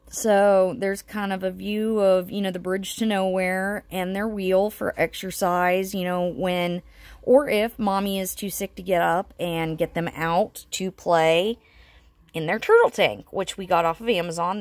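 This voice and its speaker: A woman's voice: mid-range voice, no echo. A woman with a slightly wheezy voice, getting over pneumonia, casually narrating a home pet vlog. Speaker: home vlogger. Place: indoors at home.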